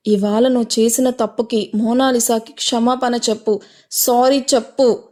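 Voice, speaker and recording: A woman voicing an angry, domineering young man who shouts orders at the heroine. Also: on the high side, flat delivery, normal speed, natural voice. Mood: commanding.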